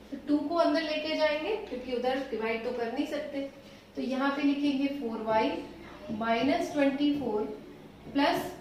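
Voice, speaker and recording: A woman math teacher explaining solutions step by step, patient and reassuring, slowing down as she writes. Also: high-pitched, darkish tone, a little hiss or hum. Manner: patient, reassuring, slows down while writing. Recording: echoey room, voice from a distance.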